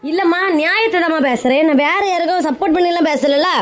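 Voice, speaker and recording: A woman's voice: very high voice, quick pace, very noisy. A woman playing a timid, pleading village husband. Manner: pleading and excuse-making.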